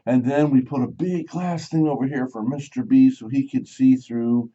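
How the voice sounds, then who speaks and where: Hosting a morning radio talk show, a man with a mellow mid-range voice tells rambling stories at normal speed and a steady tone, joking and acting out other people's quotes. The broadcast from the studio sounds slightly muffled.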